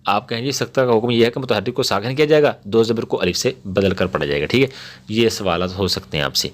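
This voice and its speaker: A man teaching a Quran reading lesson, patiently explaining rules, often checking with his listeners and slowing down to spell out words syllable by syllable. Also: medium pitch, a bit bright. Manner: patient, repeats points and checks with "ٹھیک ہے؟".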